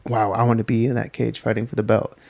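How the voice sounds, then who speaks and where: Man, podcast host, low voice, flat delivery, casual interview. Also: fast, creaky. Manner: brief reactions, then reflective, flat delivery.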